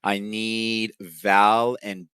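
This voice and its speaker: A man acting as game master in a tabletop game, narrating over an online call in a relaxed way with many fillers. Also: fairly low pitch, drawn-out words, smooth, no echo.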